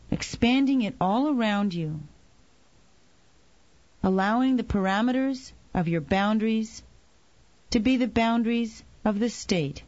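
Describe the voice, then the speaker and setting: A woman leading a guided meditation, giving slow, calm instructions. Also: on the high side, no room sound, muffled recording.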